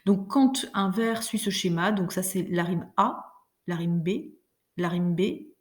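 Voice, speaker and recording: In a recorded online lesson, a woman with a lowish voice teaches French, explaining patiently with plenty of fillers and reading verse slowly.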